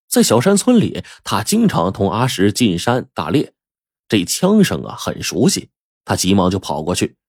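A man telling a folk tale in a lively, animated storytelling manner. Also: fairly low pitch, husky, dry recording, studio quality. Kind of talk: oral storytelling.

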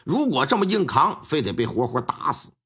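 Male storyteller, husky, very animated delivery, colloquial and wry. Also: medium pitch, fairly quick. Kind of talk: pingshu-style storytelling.

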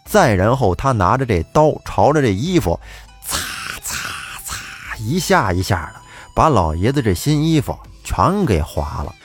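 A male storyteller narrates a folk tale in a lively, colloquial style. His voice is husky and his pitch swings widely. Faint music plays behind him. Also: moderate pace.

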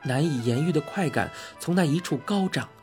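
A man narrating a novel as an audiobook in a soft, unhurried, intimate way. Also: fairly high pitch, animated, soft background music. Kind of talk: scripted narration.

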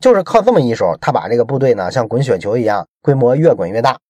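Man, book explainer, chatty storytelling, rhetorical questions, animated pitch, dry close sound. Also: fast, no room sound. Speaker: book commentator.

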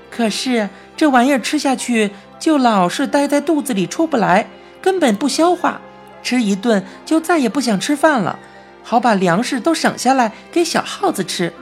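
A woman voicing a frank, lively boy who has turned into a mouse, in a Beijing-tinged storybook reading, chatty and quick to complain. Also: fairly high pitch, voice pushed up. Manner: indignant, chatty, rapid complaints. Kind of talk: storybook narration.

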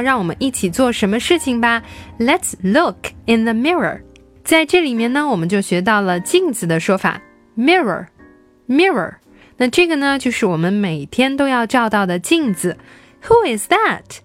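A woman teaching English to young children, slowly repeating words for them to follow. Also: a little high.

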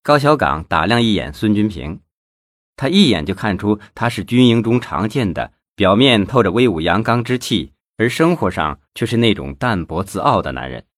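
A man narrating an audiobook in a measured, steady way on a close microphone. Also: lowish voice, dry recording.

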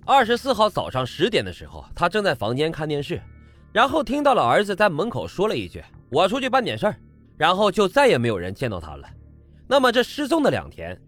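A male true crime narrator with a slightly high voice. His delivery is highly animated, rising and falling sharply as he tells the story in a colloquial way and poses rhetorical questions. Faint music plays behind him. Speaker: true crime podcast host.

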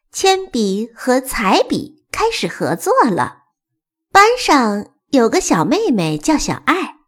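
活泼的女声童书讲述者. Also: female voice, a little high. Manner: lively, sing-song. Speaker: children's book storyteller. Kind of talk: storybook narration.

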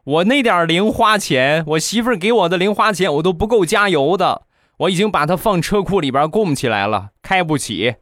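A man's voice: sits high, expressive, brisk, fairly bright tone, voice pushed up. A man voicing a hard-up, henpecked brother-in-law with a whiny, complaining voice.

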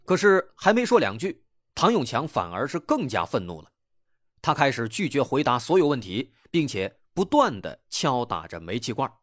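A man hosting a true-crime podcast, telling a case in a dramatic, lively way. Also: mid-range voice, normal speed, dry recording, studio quality. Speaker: host.

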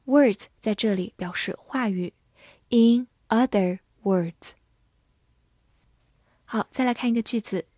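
A woman giving a scripted English vocabulary lesson, explaining words clearly and reading example sentences slowly. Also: on the high side, a little mellow, dry recording, clean studio sound. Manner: clear, measured, slows down for model sentences. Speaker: English teacher.

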